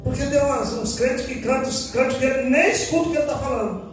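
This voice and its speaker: A man's voice: very high voice, quick pace. A man with a Brazilian Portuguese accent preaching a folksy sermon as pastor, acting out quoted believers. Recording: echoey hall from far off with music.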